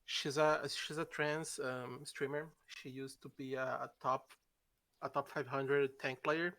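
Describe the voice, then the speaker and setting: A man's voice: mid-range voice, level tone, unhurried, sharp tone. A man in his late twenties from Brazil, a streamer answering interview questions hesitantly with many ums. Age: 20s. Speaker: guest streamer.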